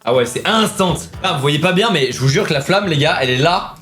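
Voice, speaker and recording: A young man testing gadgets for his vlog in a small studio, hyper and crude, joking constantly and yelping in excitement. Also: on the high side, brisk, soft background music. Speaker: YouTuber.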